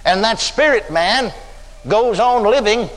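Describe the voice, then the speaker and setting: Unhurried and expressive, an older Texan man preaches with a high, fairly bright voice. Dramatic storytelling and drawn-out emphatic words mark his sermon, recorded amid a church hall's long reverb.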